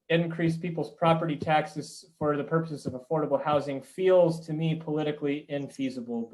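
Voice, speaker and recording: A man chairing a committee video call, thinking aloud with frequent pauses and ums. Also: a little high, a little mellow, rough recording. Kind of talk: online meeting discussion.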